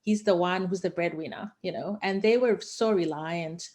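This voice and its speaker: Her voice is fairly low and a little mellow, moving at a moderate pace. This Zimbabwean founder of an investing education company is a guest in a relaxed interview, speaking passionately and enthusiastically with plenty of filler words.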